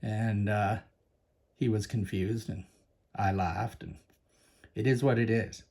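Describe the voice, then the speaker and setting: Here the Canadian coin-collecting host takes things slowly, his lowish, darkish voice fairly even in intonation. It's a casual show-and-tell vlog, and he stays chatty and enthusiastic as he speaks right to his audience.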